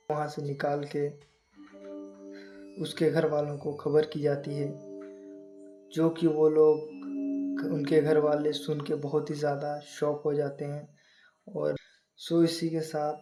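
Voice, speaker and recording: A man casually telling a horror story and speaking straight to his listeners. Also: a little high. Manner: addresses listeners directly, even and unhurried. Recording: echoey room with faint music.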